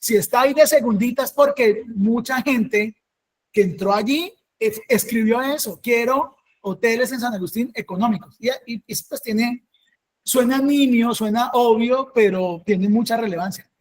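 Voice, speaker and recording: Colombian workshop facilitator thinking aloud. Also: medium pitch. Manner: keeps checking in with the audience through short tag questions; thinks aloud and fills pauses with hesitations. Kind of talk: teaching a workshop while walking through search results.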